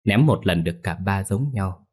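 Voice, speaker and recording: A man narrating a ghost story in a steady storytelling manner. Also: low-pitched, normal speed, slightly rough.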